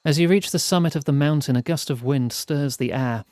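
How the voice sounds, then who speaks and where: A man streaming a fantasy role-playing game, reading its text aloud in measured storytelling style and chatting between passages. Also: on the high side, a little mellow, no room sound, studio quality.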